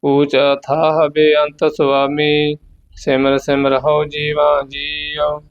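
Punjabi guy reciting scripture real slow for a lesson, kinda high voice, dull lo-fi sound. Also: completely flat delivery, clear, resonant tone. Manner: chants verses slowly, then gives quick pronunciation notes. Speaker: Gurbani recitation teacher. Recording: dull, slightly lo-fi recording.

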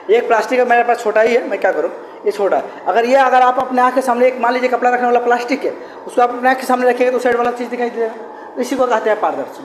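A man teaching a science lesson in casual talk, who keeps asking questions and answering them himself, repeating each term. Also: very high voice. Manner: repetitive and drilling. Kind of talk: casual classroom explanation. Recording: echoey room with long reverb and faint hum.

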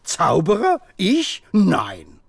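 Refined, expressive ogre gentleman. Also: high-pitched, extremely slow, gravelly, breathy edge, dry recording, clean studio sound, exaggerated voice. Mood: evasive. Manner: refined, polite, theatrical. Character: courteous, nervous, gloomy ogre head, formerly a wizard.

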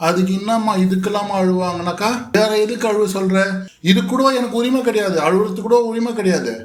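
A man with a notably high voice talks back to a video clip in casual commentary. His replies are sarcastic and mocking. The sound is roomy and echoey. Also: a little fast. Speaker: reality show commentator.

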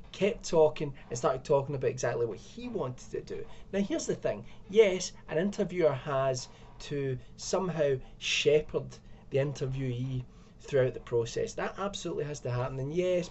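Sitting at home in front of his webcam, a young man delivers sarcastic, fed-up commentary in a ranting video. His voice is a little high with a darkish tone, and the lo-fi audio carries a slight hiss or hum.

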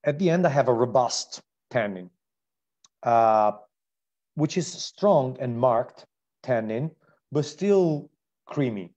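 An Italian-accented man hosts an online wine tasting and describes each wine eagerly, with plenty of fillers and restarts. His voice sits at a middle pitch. The stream audio sounds dull and lo-fi. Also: animated, slow pace, pauses often, a little mellow. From Italy.

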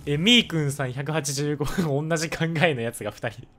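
A man with a hoarse voice, chatting casually while live-streaming a game and thanking viewers for donations. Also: fairly high pitch, normal speed, fairly bright tone, soft background music.

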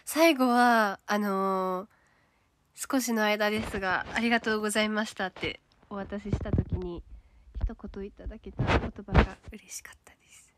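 A woman with a Kansai accent chatting casually on a livestream, reading out viewer comments and now and then dropping to a soft whisper. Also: mid-range voice, steady tone, normal speed, background noise. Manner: chatty, reads comments aloud, drops to a soft whisper at times.

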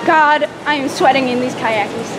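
A woman's voice: sits high, normal speed, low-quality recording. A young woman from Long Island, chatting and joking at herself through a casual vlog in a theme park. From Long Island, New York. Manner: chatty and self-mocking, many fillers. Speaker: vlogger host. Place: outdoor theme park streets. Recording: loud crowd and music behind.

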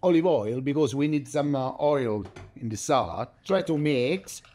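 This middle-aged cooking show host from Italy chats casually in non-native English, his Italian accent clear, while demonstrating a recipe at home in his kitchen. His mid-range voice is expressive and a little mellow, at a measured pace.

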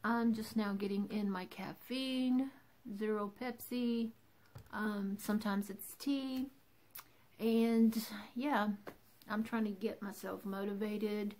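A woman's voice: medium pitch, a little mellow. A woman vlogger talking casually in a subdued morning voice, teary and emotional. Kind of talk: casual vlog talk.

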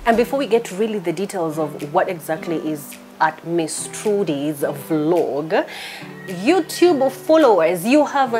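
A woman from Kenya hosting a television interview in a studio. Her voice rises and falls with lively, animated intonation as she introduces and questions her guest. Soft music plays faintly in the background. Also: on the low side, a little slow. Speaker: talk show host. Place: TV studio set.

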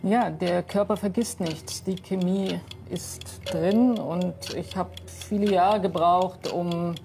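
A woman's voice: lowish voice, fairly even intonation, takes it slowly, creaky, warm tone, slight background noise. A woman guest on a studio talk show, speaking thoughtfully with frequent hesitations. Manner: thoughtful, hesitant, many fillers. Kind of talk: studio discussion.

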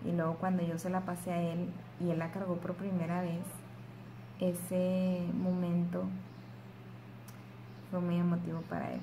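A young woman, casually telling her vlog audience about giving birth, with emotional, animated retelling and quoted dialogue. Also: on the low side, a little slow, pauses often, background noise. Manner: soft, hushed voice while holding her sleeping baby. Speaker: vlogger. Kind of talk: casual storytelling to camera.

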